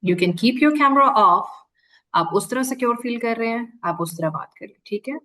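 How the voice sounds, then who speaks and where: A woman's voice: on the high side, expressive, moderate pace, bright, forceful tone, rough recording. Woman teacher on a video call. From Pakistan. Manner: explains patiently, mixing Urdu and English mid-sentence. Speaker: spoken English teacher. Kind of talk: online orientation class.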